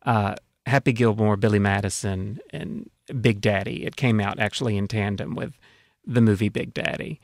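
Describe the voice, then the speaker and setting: A man's voice: fairly low pitch, fairly even intonation, normal speed, creaky, no echo, studio quality. A man talking casually as an author being interviewed on public radio, explaining things with frequent conversational filler phrases. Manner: explanatory, peppers talk with "you know".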